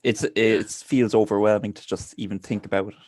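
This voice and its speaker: A man's voice: lowish voice, flat delivery, fairly quick, darkish tone, no room sound. An Irish man chatting on a podcast in a wry, matter-of-fact way. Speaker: podcast co-host. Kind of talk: casual chat.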